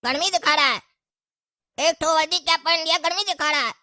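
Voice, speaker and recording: Woman playing a short cartoon man, brash, boastful, very high pitch, dry close sound. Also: a little fast, pushed and bright, no room sound. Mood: defiant. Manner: cocky, bossy scolding. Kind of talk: cartoon comedy voice acting.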